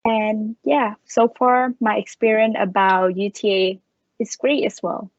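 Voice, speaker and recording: A woman's voice: medium pitch, steady tone, unhurried, dry recording, dull audio. A young woman from Vietnam, introducing herself as a student ambassador in plain, slightly broken English. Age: young adult. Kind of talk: self-introduction on a panel.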